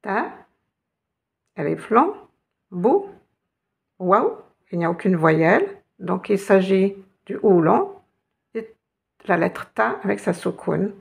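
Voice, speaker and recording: A woman's voice: medium pitch, animated, slow pace, creaky, pauses often, slightly rough. A woman teaching a lesson, patiently guiding learners step by step and spelling out letters. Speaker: Arabic teacher.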